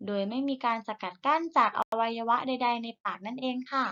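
A woman teacher giving a recorded reading lesson to young children. She speaks slowly, models each sound clearly for the children to repeat, and encourages them gently. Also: fairly high pitch, dull audio. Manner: slow, deliberate modelling of sounds for repetition. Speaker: primary school teacher.

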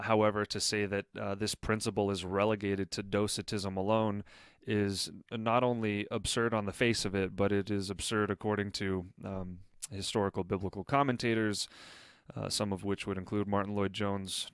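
A man's voice: fairly low pitch, fairly bright tone, smooth, no room sound, clean studio sound. A man giving critical commentary in an earnest way, often stopping with fillers and restarting. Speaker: online commentator.

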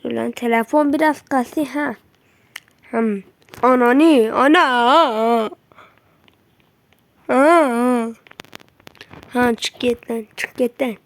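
A woman with a high voice talks through a game she is playing, in no hurry between bursts. She yelps at threats, shoos enemies away with slangy jabs and drops to muttering to herself. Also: slow pace, pauses often. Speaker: gameplay streamer. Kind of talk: live gameplay commentary.

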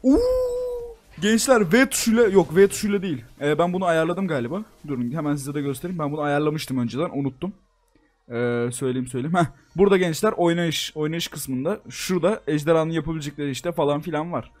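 Excitable young man narrating gameplay. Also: fairly high pitch, quick pace. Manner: excitable, talks to viewers as "gençler", frequent laughs and exclamations. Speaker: gaming YouTuber. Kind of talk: casual Minecraft let's-play commentary.

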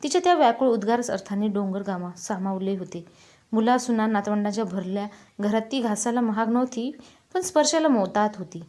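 A woman reading a heartfelt story aloud in a calm, measured, emotive way. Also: mid-range voice.

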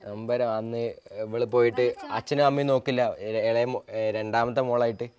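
A man hosts his family vlog in a casual, chatty way, interviewing family members, quizzing them about acting, and offering advice to creators. His medium-pitched voice is brisk, a little mellow, and fairly even in intonation.

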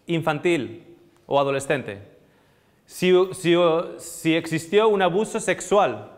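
A man in his thirties giving a live nutrition seminar to a seated audience, animated and often asking the room questions, on a lapel mic. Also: high voice, long reverb tail. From Spain. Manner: animated, asks the audience questions, gestures a lot. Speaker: nutrition lecturer.

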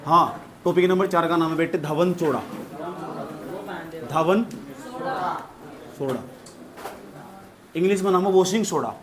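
A man with a fairly high voice teaches science in a classroom. He drills each term by saying it twice and keeps checking whether his students follow. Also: measured pace, pauses often, a crowd in the background. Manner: repetitive, drills terms, quizzes students. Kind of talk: classroom lecture.

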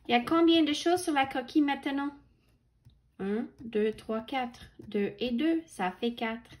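Slow, patient woman reading a picture book. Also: high voice. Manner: stops to point out pictures and count with children; corrects her own misreadings. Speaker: children's story reader. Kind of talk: picture-book read-aloud for children.

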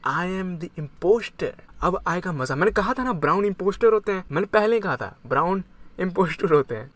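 A young man giving chatty, excitable commentary on his game, mixing Hindi and English. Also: on the high side. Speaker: gamer. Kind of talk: casual gaming commentary.

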